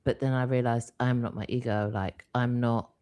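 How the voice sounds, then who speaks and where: A man's voice: mid-range voice, flat delivery, normal speed, darkish tone, clear, resonant tone. Man telling a personal story casually. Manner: candid, storytelling with quoted asides. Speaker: co-host. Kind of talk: casual spiritual talk.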